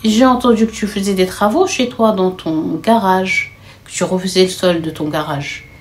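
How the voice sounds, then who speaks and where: A woman voicing a cold, scheming eldest sister who lays out plans in a calm, hushed, matter-of-fact way. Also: medium pitch, moderate pace, close to an everyday voice.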